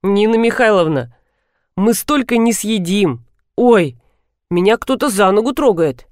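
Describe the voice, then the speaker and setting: A woman's voice: medium pitch, expressive, measured pace, darkish tone, dry recording, studio quality, close to an everyday voice. A woman reading the lines of an easygoing adult husband, mild in manner. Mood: bemused.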